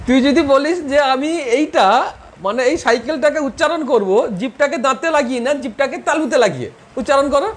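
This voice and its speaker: A man's voice: extremely high pitch, fairly quick, poor audio. Man teacher quizzing a class. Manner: quizzing students, joking and laughing. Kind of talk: classroom lecture.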